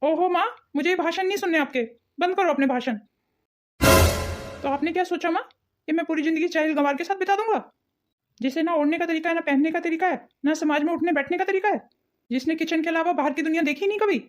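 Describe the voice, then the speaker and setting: A woman voicing an arrogant cartoon husband, high-pitched. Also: fast talker. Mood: defiant. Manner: defiant, contemptuous. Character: arrogant married man, defiant and dismissive. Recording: dull lo-fi audio.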